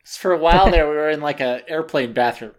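A woman with a fairly low voice talks in a casual, bantering way. She trades jokes as if among friends. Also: quick pace, a little mellow.

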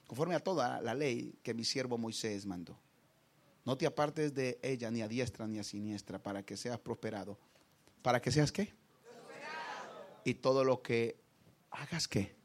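A man preaching a sermon with passion, repeating phrases for emphasis and swinging from quiet talk to shouting. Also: mid-range voice.

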